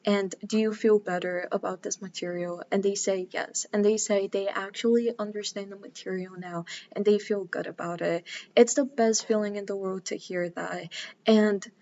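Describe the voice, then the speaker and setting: A woman's voice: medium pitch, a little mellow, muffled recording. A woman in her twenties, raised in Bulgaria, introducing herself as a math tutor in an earnest, casual way with frequent "um"s. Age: 20s. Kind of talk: casual self-introduction to camera.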